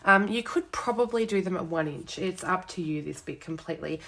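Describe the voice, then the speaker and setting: A young woman, audibly sick with a cold, talks her viewers through a live card-making session at her desk at home, saying hello and filling pauses with many ums. Her hoarse, snuffly voice sits on the low side, a bit bright, and moves a little fast.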